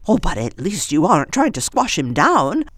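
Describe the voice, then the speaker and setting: A reader voicing an eccentric, cheerful, bossy very old woman in a high, fussing storybook voice. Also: wildly swooping pitch, normal speed, a bit bright, dry recording, clean studio sound. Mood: chirpy.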